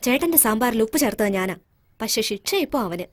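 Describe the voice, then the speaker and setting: A woman plays a spirited mother who talks fast and high as she defends her son. She argues and pleads in turn. Loud film music runs under her lines. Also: animated, natural voice. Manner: argumentative, pleading. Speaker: mother and wife. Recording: film dub with music behind.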